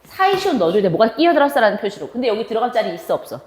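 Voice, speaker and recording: A woman's voice: fairly high pitch, sing-song, roomy sound. A woman teaching Korean grammar as a lecture, chatty, asking questions and answering them herself. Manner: asks and answers her own questions in a chatty, drawn-out teaching tone. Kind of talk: classroom lecture.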